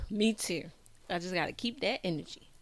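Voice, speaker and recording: A woman's voice: fairly low pitch, normal speed. Chatty woman podcast host with a Baltimore accent. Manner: chatty, laughs often, uses filler words. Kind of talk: casual chat.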